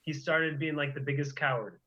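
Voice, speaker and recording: A man's voice: a little high, normal speed, sharp tone, lo-fi sound. A young man co-hosting a casual chat, animatedly retelling and reacting as a fan. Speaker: co-host.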